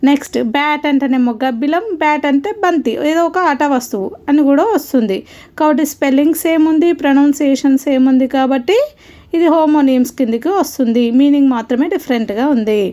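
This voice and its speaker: A woman's voice: high voice, quick pace, mellow. A woman teaching a grammar lesson, patiently spelling words out letter by letter and repeating each rule. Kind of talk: grammar lesson explaining word pairs.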